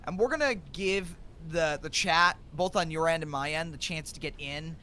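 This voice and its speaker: Bright-voiced man, halting livestream host. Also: on the high side, a little hiss or hum. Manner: halting, hesitant, repeats words. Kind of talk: casual livestream chat.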